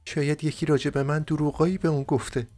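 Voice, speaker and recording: A man's voice: little pitch movement, darkish tone, faint music behind, natural voice. A man voicing a young, emotional, heartbroken woman in an audiobook, pleading and tearful. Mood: anxious. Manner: high-pitched, pleading, tearful.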